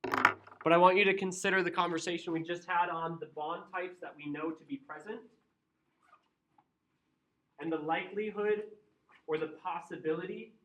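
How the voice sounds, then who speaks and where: A man's voice: sits high, steady tone, moderate pace, long pauses, fairly bright tone, a little hiss or hum. A man with a Midwestern American accent teaching a chemistry class, conversational and joking, asking the students questions. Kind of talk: classroom lecture. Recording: roomy, distant and dull classroom sound.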